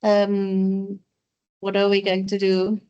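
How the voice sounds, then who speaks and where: Woman moderator, warm low-ish tone, kinda muffled recording, quick friendly prompts. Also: completely flat delivery, clean tone. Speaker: workshop moderator. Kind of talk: moderating a hybrid workshop.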